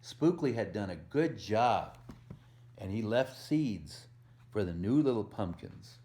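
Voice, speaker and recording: With a fairly low, animated voice at a slow pace, a man reads aloud to young children as a volunteer, explaining gently and quizzing the listener in plain language from a picture book.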